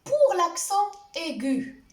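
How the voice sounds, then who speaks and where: A woman teacher giving a spelling lesson, deliberately spelling out letters and examples one by one. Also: very high voice, big pitch swings. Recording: echoey room, voice a little far from the mic.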